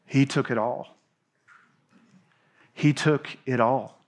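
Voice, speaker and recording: On a church stage, a thirty-something pastor from Tennessee reads scripture and preaches, gesturing and pacing with energy. He takes it slowly, in a mid-range voice.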